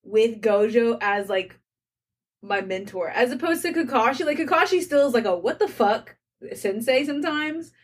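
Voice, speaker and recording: A woman's voice: fairly high pitch, lively intonation, moderate pace. Chatty woman recorded a little far off. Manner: playful, laughing, chatty with many fillers. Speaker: co-host of a drinking game chat. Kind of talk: casual chat. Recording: far from the mic with faint noise.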